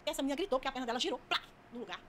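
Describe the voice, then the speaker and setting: A woman's voice: sits high, rapid-fire, fairly bright tone, slight background noise. A woman telling her personal testimony in a vivid, emphatic way. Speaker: guest giving a testimony.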